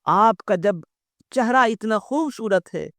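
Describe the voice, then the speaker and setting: A man's voice: sits high, lively intonation, fairly bright tone, dry recording, clean studio sound. A man giving a devotional storytelling speech, acting out the dialogue and reciting poetic couplets. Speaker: religious speaker.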